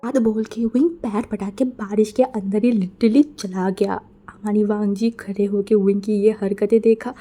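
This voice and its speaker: A woman casually narrating a fan fiction story, chatty and lively, slipping English words into her talk. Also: medium pitch, a little slow. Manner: chatty, mixes English words into Hindi, lively voices for characters.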